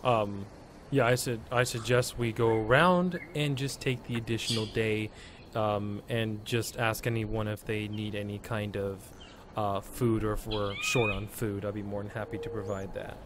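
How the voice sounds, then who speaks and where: A man's voice: lowish voice, fairly even intonation, moderate pace, background noise. A man playing a tabletop game, speaking in a hesitant way with many fillers. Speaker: player. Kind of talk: casual tabletop game play.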